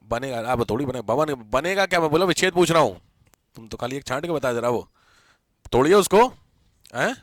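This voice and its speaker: A man's voice: a little high, no echo, clean studio sound. A man teaching a live grammar class, quizzing and teasing his students as he goes. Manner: lively, teasing, questions students often.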